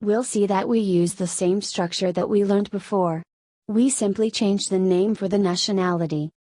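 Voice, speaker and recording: A Spanish woman, a native Spanish speaker, explaining Korean grammar in English with a Spanish accent, in steady step-by-step scripted narration. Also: mid-range voice, moderate pace, dry recording. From Spain. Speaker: Korean language teacher.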